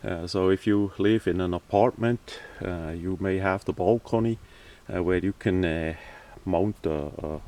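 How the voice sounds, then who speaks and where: With a darkish tone and a low voice, a hobbyist presenter slowly works through a casual hands-on product demo. He's hesitant and halting but matter-of-fact, captured on a distant microphone.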